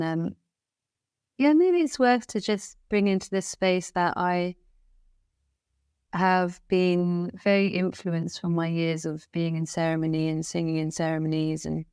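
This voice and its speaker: Earnest, reflective woman with a smooth voice. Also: fairly low pitch, a little mellow, no echo, studio quality. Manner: earnest, flowing, repeats and restarts phrases. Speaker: guest musician. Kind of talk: reflective spiritual interview talk.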